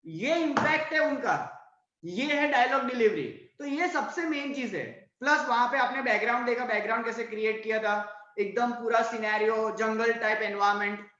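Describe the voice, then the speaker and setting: A man's voice: extremely high pitch, normal speed, pushed and bright, roomy sound, lo-fi sound, slight background noise. A male college lecturer with a Gujarati accent, teaching an online class and checking in with his students again and again. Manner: mixes Hindi, Gujarati and English, asks "right?" often.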